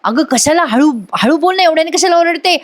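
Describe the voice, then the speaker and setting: A woman's voice: extremely high pitch, expressive, a little fast, pitched above the performer's own voice. A woman voicing a modern young daughter who coaxes and explains with impatience. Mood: exasperated. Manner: coaxing, exasperated.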